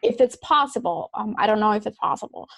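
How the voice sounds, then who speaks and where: A woman's voice: mid-range voice, animated, brisk, creaky, fairly bright tone, no echo. Albanian-born woman host, dry close sound. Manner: long, searching questions with rephrasing. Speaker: podcast host. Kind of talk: interview questions.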